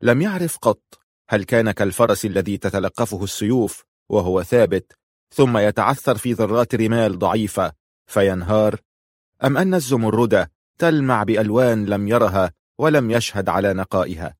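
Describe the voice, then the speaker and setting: A man narrating an audiobook in a measured, literary reading style. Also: on the low side, animated, dry recording, clean studio sound.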